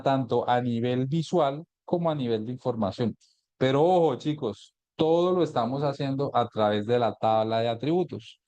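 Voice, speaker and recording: A man teaching an online class on mapping software, explaining each step and often checking in with a quick question. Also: medium pitch, no echo. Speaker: GIS instructor. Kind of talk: live online class, screen-share tutorial.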